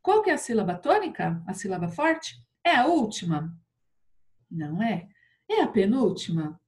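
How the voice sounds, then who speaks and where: A woman's voice: mid-range voice, sing-song, a little mellow. A Brazilian woman teaching an online Portuguese class to fourth graders, explaining patiently and checking in with tag questions. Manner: patient, drawn-out sing-song explaining with many tag questions. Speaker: primary school teacher.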